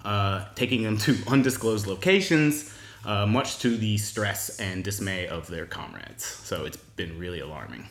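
A man with a fairly low voice talks through politics with a co-host in an easy, earnest podcast chat. His voice bounces around an echoey room. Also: expressive, normal speed. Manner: earnest, explanatory, laughs easily.

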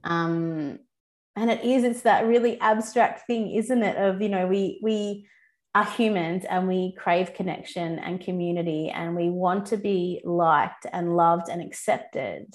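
A woman's voice: lowish voice, a little slow. Earnest woman hosting a podcast. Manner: earnest and reflective, agreeing with "mm" and "yeah". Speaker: podcast host. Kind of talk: casual conversational interview.

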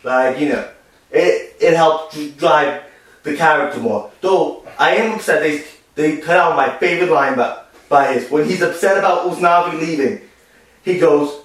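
The recording is echoey and far from the microphone, capturing a male co-host with a fairly high, fairly bright voice at a moderate pace. He chats casually about a stage musical and its film, rambling through fillers and restarts.

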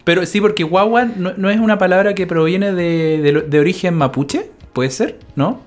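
A man's voice: high voice, normal speed. A Chilean man co-hosting a podcast, teasing and joking in casual chat, laughing often. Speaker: podcast co-host. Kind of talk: casual banter.

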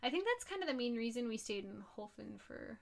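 Female co-host, slightly high-pitched, enthusiastic casual chat. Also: big pitch swings, fairly quick, creaky. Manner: gushing, enthusiastic. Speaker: podcast co-host. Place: on a bed at home with pets.

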